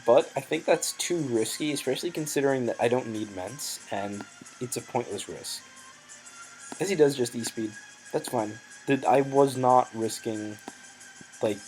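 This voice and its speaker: A man's voice: medium pitch, moderate pace, darkish tone, faint music behind, rough recording. Mumbling guy thinking aloud through a match. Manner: mumbled, hesitant, lots of ums and self-corrections. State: voice cracking. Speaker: competitive game player. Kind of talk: thinking-aloud gameplay commentary.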